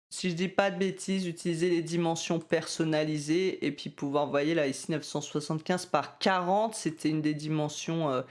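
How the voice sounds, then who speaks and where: In a laid-back screen recording, a slightly high-voiced man tours the settings of a site for selling music. His talk is loose, full of hesitations and jokes at his own expense.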